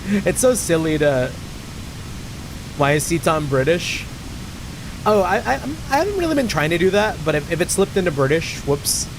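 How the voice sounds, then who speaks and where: Male streamer, casual game chat, loose and profane, voice on the higher side; game music underneath. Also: sing-song, moderate pace, long pauses, background noise. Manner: loose, swearing, many filler likes. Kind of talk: casual gaming commentary.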